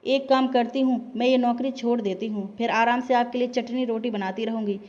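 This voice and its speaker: A woman's voice: a little high, steady tone, brisk, darkish tone, highs cut off, close to an everyday voice. A woman voicing a hard-working young wife who firmly stands up for herself to her family. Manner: firm, reasoning.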